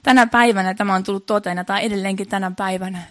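A woman's voice: mid-range voice, fairly even intonation, dry recording, studio quality. A woman preaching a sermon in an earnest, repetitive way, building emphasis as she goes.

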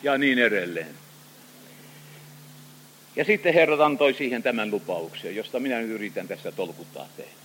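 A man preaching a sermon, expressive and full of small hesitations as he reads and explains scripture. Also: lowish voice, long pauses, long reverb tail, slight background noise, low-quality recording.

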